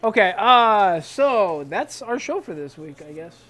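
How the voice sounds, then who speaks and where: A man's voice: high voice, animated, unhurried, a bit bright. A man hosting casual weekly comic reviews, chatty and hesitant, restarting sentences and calling out emphatic verdicts. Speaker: comic shop review show host.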